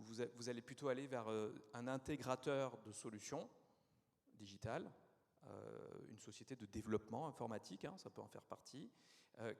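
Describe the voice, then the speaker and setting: Male panelist, gravelly voice, hesitant explainer, long hall reverb. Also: medium pitch. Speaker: panel speaker. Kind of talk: round-table discussion. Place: conference hall.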